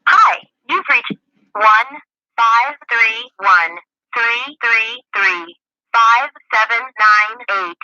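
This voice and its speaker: A woman's recorded voicemail greeting played over a phone line, reading out digits slowly and deliberately. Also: a little high, pushed and bright, no echo. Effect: voicemail greeting heard over a phone line. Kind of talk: recorded answering message. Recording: muffled distant phone audio.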